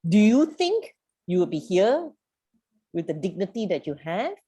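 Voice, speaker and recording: A woman's voice: mid-range voice, big pitch swings, measured pace, warm tone, husky. A woman facilitating a youth program over a video call, speaking emphatically and posing one rhetorical question after another. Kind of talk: animated group coaching.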